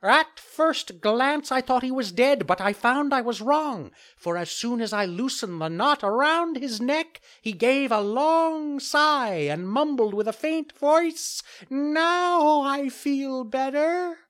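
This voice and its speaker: A man's voice: extremely high pitch, expressive, slow, hardly any pauses, a bit bright, pitched above the performer's own voice, heavily acted. A man voicing a small, reverent male falcon servant.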